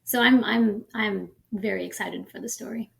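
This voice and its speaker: A woman's voice: mid-range voice, steady tone, moderate pace, creaky. A woman co-hosting a podcast, chatting casually and eagerly. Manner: enthusiastic, gushing. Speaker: podcast co-host. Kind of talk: casual chat.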